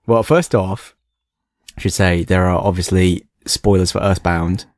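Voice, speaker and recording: A man's voice: low voice, fairly even intonation, measured pace, darkish tone, dry recording, studio quality. A young man co-hosting a podcast in casual chat, playful and self-mocking with a snarky streak. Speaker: podcast co-host.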